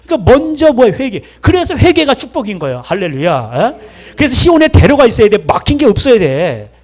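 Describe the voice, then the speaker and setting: Animated high-voiced pastor preaching. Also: male voice, a little fast. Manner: animated, rhetorical questions, acts out voices. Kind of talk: sermon.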